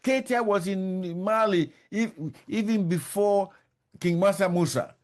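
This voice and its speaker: This interview guest is an older professor with a high, slightly mellow voice and an unhurried delivery. He responds to questions with emphasis, circling back to restate his main points.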